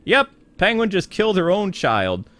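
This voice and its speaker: A man's voice: high-pitched, huge pitch swings, normal speed, pushed and bright, no echo. A man giving a casual, opinionated spoiler review of a cartoon episode, chatty, full of fillers, laughing now and then. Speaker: TV show reviewer.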